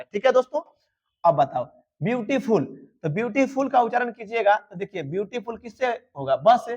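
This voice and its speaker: High-voiced man teaching grammar. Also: dull audio. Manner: lively, keeps asking rhetorical questions; colloquial and teasing. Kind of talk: online exam-prep lecture.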